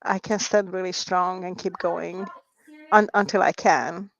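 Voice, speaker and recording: A middle-aged woman from Hungary, a nurse and writer, speaking softly and hesitantly as an interview guest, with many fillers and restarts. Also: lowish voice, fairly even intonation, measured pace, gravelly, no room sound, dull audio. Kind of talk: interview conversation.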